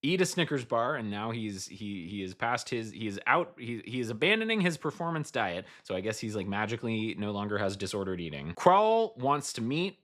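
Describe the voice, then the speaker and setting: A man casually recapping a novel, animated and wry, with frequent swearing. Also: on the low side, brisk, few pauses. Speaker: book reviewer.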